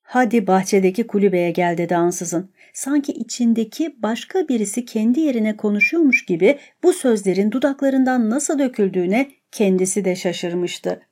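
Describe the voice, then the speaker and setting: A woman narrating a novel aloud as an audiobook in a calm, measured reading. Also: medium pitch, breathy edge.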